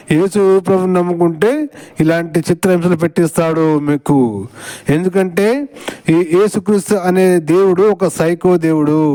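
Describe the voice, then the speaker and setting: A man's voice: sits high, a little mellow, low-quality recording. A man commenting on a clip in a mocking, sarcastic way, turning often to his viewers with questions. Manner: sarcastic, addresses viewers directly.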